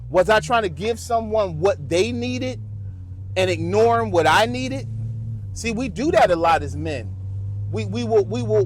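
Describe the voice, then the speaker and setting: A man's voice: high-pitched, no room sound. A middle-aged man, hosting a podcast and giving a casual, preachy motivational talk to men that's full of "man" and "bro.". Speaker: podcast host.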